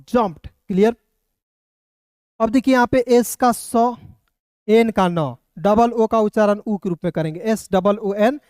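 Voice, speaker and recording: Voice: mid-range voice, darkish tone, no echo, clean studio sound. A teacher giving an online English reading lesson, spelling words letter by letter and patiently quizzing the viewers. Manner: patient, repetitive, addresses viewers as friends. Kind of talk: Hindi-language English phonics lesson.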